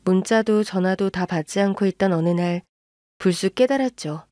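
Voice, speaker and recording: A woman's voice: medium pitch, moderate pace, mellow, no echo, clean studio sound. A woman narrating a first-person family story in a confiding, resentful way, as an audiobook radio drama.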